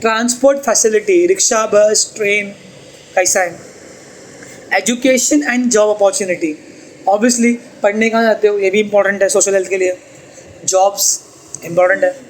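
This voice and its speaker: A man's voice: high-pitched, steady tone, unhurried, pauses often, a little hiss or hum, rough recording. A man teaching a tuition class, chatty and teasing as he explains. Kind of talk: classroom lecture.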